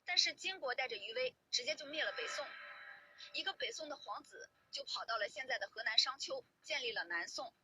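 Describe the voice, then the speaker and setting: A woman's voice: high-pitched, very animated, fairly quick, sharp tone, no echo. A woman narrates history from a script in a colloquial storytelling manner.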